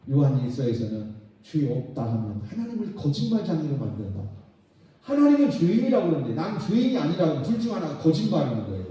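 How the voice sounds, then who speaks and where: A middle-aged male pastor preaches with a lively, swooping delivery, slipping dramatically into quoted voices. His tone is very dark and mellow, sitting a touch high for a man. The sound is dull and distant, with heavy echo from a church hall. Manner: dramatic, acts out quoted voices of God and sinners. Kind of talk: sermon. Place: church sanctuary.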